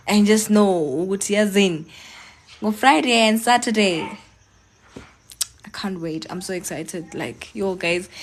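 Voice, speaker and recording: A young South African woman chatting casually with viewers during a live stream from home, encouraging and mixing languages. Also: on the low side. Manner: chatty, switches between English and local languages, encouraging.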